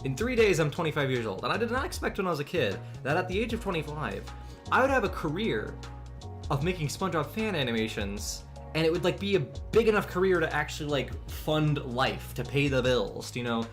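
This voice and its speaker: A man in his twenties talks casually on a live art stream while he draws, his voice on the high side with big pitch swings, a brisk pace and a slightly bright tone. He rambles, fills the air with fillers and restarts, and chuckles often. Faint music plays in the background.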